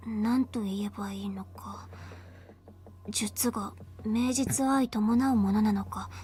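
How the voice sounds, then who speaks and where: An actress voicing a quiet young woman in a game, speaking softly and breathily. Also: mid-range voice, fairly even intonation, takes it slowly, natural voice.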